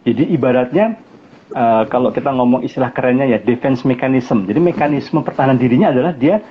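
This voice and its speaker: A man speaking as a guest on a casual live talk, animated, putting on other people's voices in quoted lines and chuckling often. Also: mid-range voice, quick pace, narrow, tinny audio, a little hiss or hum. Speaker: guest speaker on family life.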